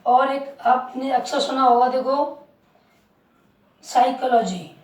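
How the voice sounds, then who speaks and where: A woman teaching a lesson who talks slowly and keeps asking the class questions and repeating the answer. Her voice sits a little high but has a soft, mellow tone. She is recorded from a distance in an echoey room. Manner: slow, repeats words and asks the class questions. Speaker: English teacher. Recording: roomy, distant mic.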